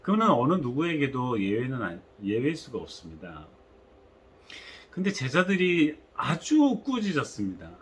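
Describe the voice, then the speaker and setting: Male pastor, sermon, husky voice, lively swinging pitch, animated storytelling. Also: normal speed. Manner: animated storytelling with acted quotes.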